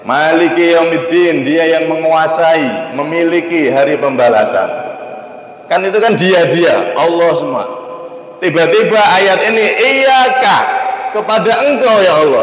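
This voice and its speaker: A man giving a Quran exegesis lesson as a preacher, asking rhetorical questions and reciting Arabic verses slowly. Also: fairly high pitch, roomy sound, big-room sound, rough recording. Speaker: Islamic preacher.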